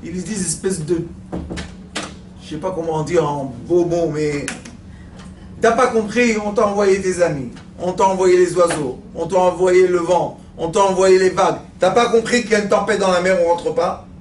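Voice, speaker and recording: In an echoey lecture room at a study centre, with the mic set far off and slight background noise, a man with a high voice speaks at a moderate pace. He's a rabbi leading his weekly Torah class, animatedly acting out jokes and stories and firing questions at his audience.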